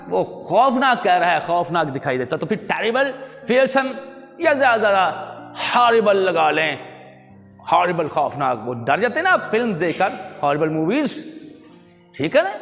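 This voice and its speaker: A man teaching a lesson and slowly repeating words for pronunciation. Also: sits high, fairly bright tone, long reverb tail. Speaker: English teacher. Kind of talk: recorded classroom lecture.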